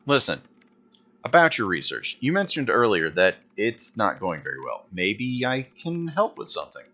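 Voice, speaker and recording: Bright, lively low-voiced male game streamer. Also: normal speed. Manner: informal, thinking aloud. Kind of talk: casual gameplay commentary, reading dialogue options aloud.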